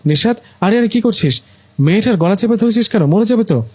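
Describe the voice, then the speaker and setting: A man's voice: on the high side, a little fast, a little mellow, dry recording, lightly acted. A man voicing a middle-aged mother who is bossy, pushy and eager for her son's wedding. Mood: scolding. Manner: scolding, pushy.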